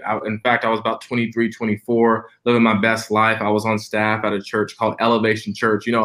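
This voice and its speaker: A man in his twenties, a preacher appearing as a podcast guest, tells a personal story earnestly and reflectively, restarting often. His voice is on the low side and a bit bright.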